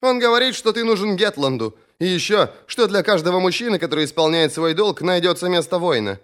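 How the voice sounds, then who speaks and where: A man's voice: high voice, expressive, a little fast, a bit bright, voice pushed up. A man reading an audiobook, voicing a young woman who calls insistently through a door to her brother. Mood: urgent. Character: young woman, anxious, scolding older sister. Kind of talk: audiobook character voice.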